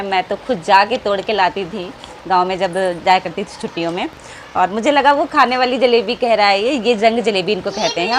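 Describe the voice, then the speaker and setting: An adult woman chatting affectionately to her viewers in a casual home vlog. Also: medium pitch. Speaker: family vlogger. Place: family home indoors. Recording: noisy home background.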